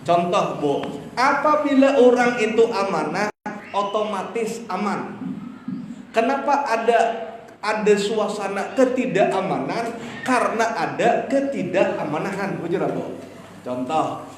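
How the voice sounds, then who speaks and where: A man with a Banjar accent giving a religious lecture, lively and joking with his audience, which he addresses as "Bu". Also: high voice. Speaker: preacher. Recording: echoey hall with faint noise.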